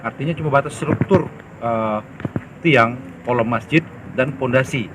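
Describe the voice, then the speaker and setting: A male official giving a statement in a news interview, halting, with pauses and fillers. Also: mid-range voice, noisy background.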